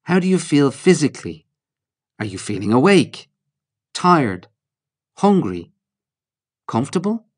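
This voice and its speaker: A man guides a mindfulness meditation, speaking calmly and instructionally in short, measured phrases broken by pauses. His voice is fairly high with a breathy edge.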